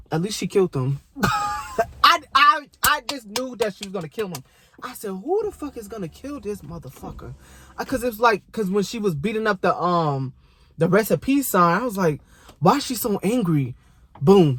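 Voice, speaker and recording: A young man with a fairly high voice rants casually about a show he watched. He is profane and animated, and he keeps talking straight to the characters as if they could hear him. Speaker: vlogger reacting to a TV show. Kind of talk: casual reaction rant.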